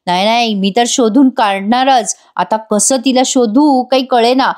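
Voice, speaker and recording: A woman's voice: a little high, a little slow, darkish tone, lightly acted. A woman voicing an irritated, suspicious young husband who snaps out accusations. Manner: snapping, accusing.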